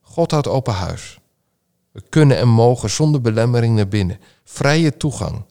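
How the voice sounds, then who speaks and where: A man reading scripture and giving a sermon meditation in a slow, measured, solemn way. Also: mid-range voice, animated, warm tone. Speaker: preacher.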